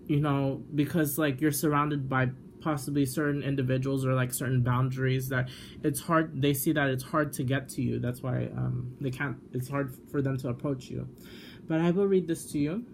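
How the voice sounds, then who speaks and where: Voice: mid-range voice, slight background noise. A tarot card reader talking casually to the camera in a chatty way, with lots of fillers and self-corrections. The reader sometimes steps away from the mic while shuffling.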